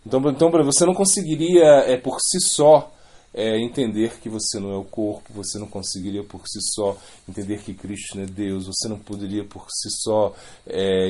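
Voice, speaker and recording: A man's voice: fairly low pitch, darkish tone. A man giving an informal religious lecture, rambling, repeating words and adding many questioning asides. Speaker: spiritual teacher.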